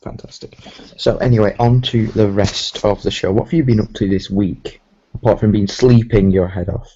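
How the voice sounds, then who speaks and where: A man hosting a casual live stream, talking in a slow, even way that often trails off. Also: lowish voice, a little hiss or hum. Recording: dull lo-fi stream audio.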